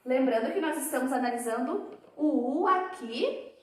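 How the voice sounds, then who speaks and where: A woman teaching a primary school class, slowly sounding out words and calling her pupils dear. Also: high voice, animated, echoey room. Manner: slow, drawn-out sounding of words for children; affectionate, calls pupils dear. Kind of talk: remote class lesson.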